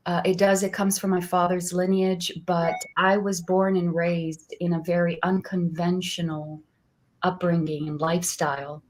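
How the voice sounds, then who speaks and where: Woman, thirties, lower-pitched voice, earnest and soft-spoken, astrologer guest. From Brazil. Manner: soft-spoken, earnest, laughs often, frequent restarts. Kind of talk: warm personal interview storytelling.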